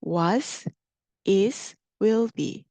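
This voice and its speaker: Woman teacher, slow deliberate pace, dry close sound, patient drilling of phrases, checks in often. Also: mid-range voice, warm tone, no echo. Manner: patient explaining, frequent checking questions. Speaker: English teacher. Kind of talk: online language lesson. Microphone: close mic, muted class.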